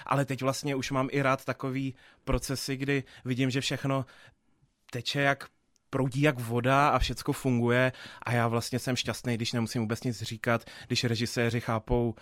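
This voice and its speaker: A young man answers interview questions about his work in theatre, hesitating often and restarting sentences. His pitch stays fairly even and flat. The recording is close and dry, with no room sound. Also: no room sound. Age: 20s. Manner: thoughtful, hesitant with many fillers and restarts. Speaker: theatre dramaturg.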